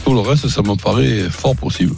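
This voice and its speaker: A man talking sports on a radio show in casual chat, halting and repeating words. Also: medium pitch, creaky, a little mellow, faint music behind.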